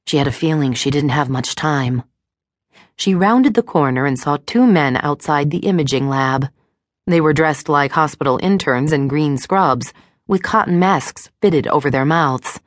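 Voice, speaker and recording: A woman narrates a thriller audiobook in a low voice. Her reading is measured and even. The studio sound is dry and close. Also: dry recording. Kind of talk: scripted narration. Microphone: studio microphone.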